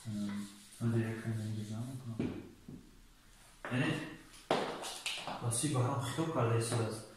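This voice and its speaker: A man giving a language lesson, explaining words slowly with many filler sounds and repeated examples. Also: medium pitch. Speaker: English teacher. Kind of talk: classroom-style language lesson. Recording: very echoey room, distant mic, clear background noise.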